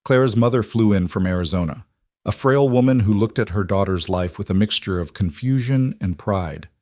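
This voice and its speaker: A man narrating a fictional story in an even, measured storytelling manner. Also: fairly low pitch, no echo, clean studio sound.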